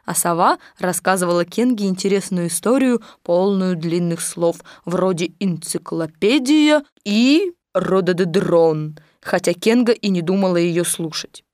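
A woman's voice: on the low side, normal speed, few pauses, a little mellow, no room sound, clean studio sound. Woman reading a storybook aloud. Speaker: narrator.

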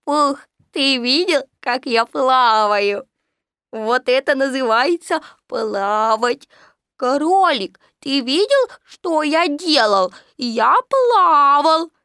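A tiny young kangaroo boy squeaks high and drags every word out slowly, as a woman reads him aloud. His voice is bright and thin, recorded close and dry. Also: expressive, dry recording, exaggerated voice. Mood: gleeful, boastful. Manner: squeaky, drawn-out boastful cries. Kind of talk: storybook read-aloud.

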